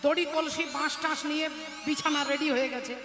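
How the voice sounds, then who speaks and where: A woman kirtan singer tells a devotional story in a lively manner and breaks into chanted refrains. Her voice sits high and rings through a large hall with a long echo. Music runs underneath. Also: a little fast. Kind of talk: devotional story-telling sermon. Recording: echoey hall with music behind.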